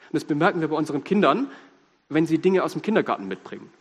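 A man with a Swabian accent preaching a sermon, lively, humorous and emphatic. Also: fairly high pitch, quick pace, slightly rough. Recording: reverberant hall.

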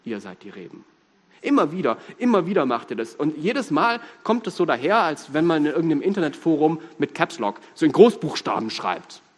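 Lively Swabian preacher in a hall. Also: male voice, a little high, a little fast, few pauses. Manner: lively, humorous, emphatic. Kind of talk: sermon. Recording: reverberant hall.

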